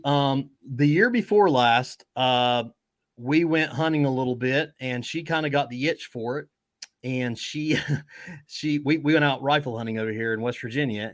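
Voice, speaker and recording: A man in his forties hosting a casual chat, easygoing and often pausing with fillers. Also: mid-range voice, fairly bright tone, no echo, studio quality. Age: 40s. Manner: easygoing, many fillers and restarts. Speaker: host.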